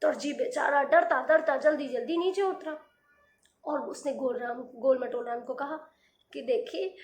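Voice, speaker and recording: High-voiced woman telling a children's story. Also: normal speed, reverberant. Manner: lively, expressive storytelling.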